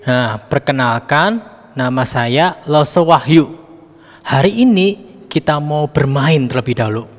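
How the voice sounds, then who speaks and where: A man's voice: medium pitch, expressive, unhurried, long reverb tail. A man leading a children's Sunday school Bible lesson, coaxing and addressing the kids directly.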